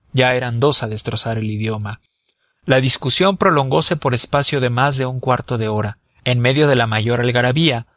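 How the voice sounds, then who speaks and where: A man reading a novel aloud as an audiobook narrator, measured and expressive. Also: mid-range voice, dry recording, studio quality. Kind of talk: scripted narration.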